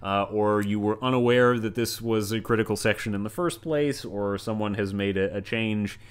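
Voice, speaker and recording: A man's voice: lowish voice, moderate pace, smooth. Rambling male university lecturer. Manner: rambling, with many asides and everyday analogies. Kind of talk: recorded lecture.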